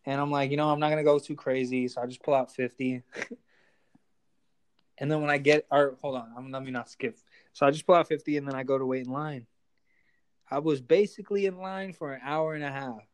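A man's voice: medium pitch, fairly even intonation, fairly quick, long pauses, clear, resonant tone. A young man chatting casually and telling stories like a hyped frat bro, full of slang and swearing.

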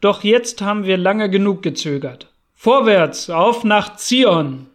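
A man voicing a stern, solemn male leader of pilgrims in his thirties, speaking in forceful proclamations. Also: high-pitched, expressive, unhurried. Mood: commanding. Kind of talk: audiobook character voice.

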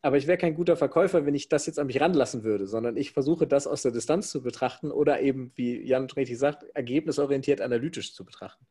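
A man in sales talking in a casual chat, emphatic and quick, often restarting his sentences. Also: mid-range voice, mellow, slightly rough. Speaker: salesperson, podcast co-host.

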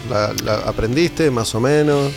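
A man's voice: mid-range voice, unhurried, music in the background. Chatty Rioplatense man interviewing. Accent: Rioplatense Spanish. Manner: chatty, blunt, with tag questions. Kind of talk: casual interview chat.

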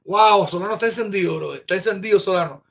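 A man hosting a casual live-stream chat, excitable and exclaiming, often repeating his phrases. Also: high-pitched, quick pace, gravelly. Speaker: podcast host.

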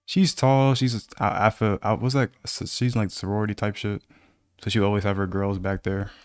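A man telling a story in casual chat, animated and slangy, given to mock-accusatory teasing. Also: on the low side, moderate pace, dry recording, studio quality.

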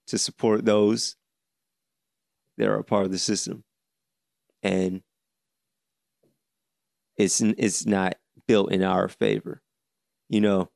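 A man in his late twenties hosting a solo podcast, speaking earnestly with many halting restarts. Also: fairly low pitch, vocal fry, darkish tone, no echo, studio quality. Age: 20s. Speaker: podcast host.

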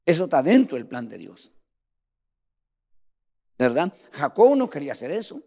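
A man whose voice is on the high side preaches a sermon in church at a moderate pace. He's animated, often addresses listeners as "brother," and moves between loud and quiet delivery.

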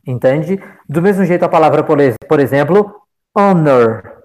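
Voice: mid-range voice, expressive, normal speed, a little mellow, rough recording. An English teacher with a Brazilian accent, explaining a grammar point in an online class and patiently repeating examples. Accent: Brazilian Portuguese. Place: online video call.

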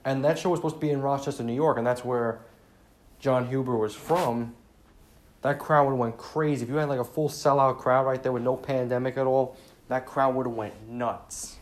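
A man's voice: medium pitch, steady tone, moderate pace. A man hosting a solo podcast, talking casually and sincerely, sounding saddened, with lots of fillers and restarts. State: saddened, subdued. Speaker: podcast host. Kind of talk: casual solo tribute talk.

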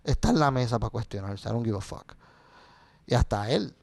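Middle-aged man, interview guest, lively bilingual storytelling, frequent swearing, dry sound. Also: medium pitch, brisk, vocal fry, dry recording. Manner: switches between Spanish and English, swears freely, animated storytelling. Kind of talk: casual interview chat.

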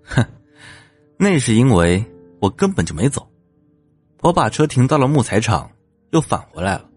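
A man voicing a cocky young male police officer who talks smugly and teasingly, with a husky voice. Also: mid-range voice, big pitch swings, moderate pace, a little mellow, dry recording, soft background music. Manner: smug, teasing, with scoffs. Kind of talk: audio drama acting.

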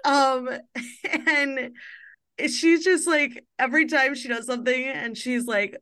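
A woman's voice: high-pitched, steady tone, slow, sharp tone, clean tone. Chatty, laughing woman podcast host. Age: 30s. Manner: chatty, laughs often, many fillers. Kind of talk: casual podcast chat.

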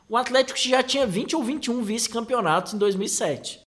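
High-pitched Brazilian man telling stories. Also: fairly quick, a bit bright. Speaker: football fan recounting club history. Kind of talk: personal storytelling.

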